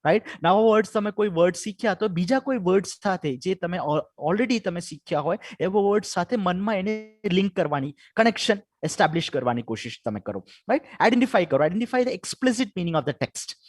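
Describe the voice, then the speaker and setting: Man, Gujarati accent, webinar lecture, tag question "right?", high animated voice, dry close sound. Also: fairly quick, hardly any pauses, no room sound. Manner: keeps asking "right?" after points. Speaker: English teacher giving a webinar talk. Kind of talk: lecture mixing Gujarati and English. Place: home or office for an online webinar.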